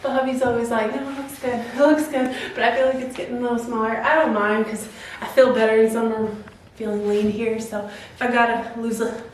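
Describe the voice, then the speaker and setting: A very echoey home recording, picked up away from the mic with faint noise. A woman with a fairly high voice chats informally as a workout vlogger, giggly and quick to swear. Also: little pitch movement, recorded from a distance. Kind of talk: casual chat to camera and partner. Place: indoors at home, echoey room.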